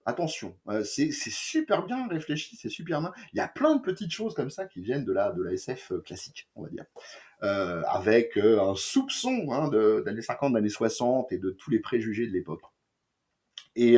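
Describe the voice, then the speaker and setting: A man's voice: fairly low pitch, darkish tone. Rambling French man reviewing comics. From France. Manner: rambling, crude slang, many fillers and restarts. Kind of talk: casual review chat.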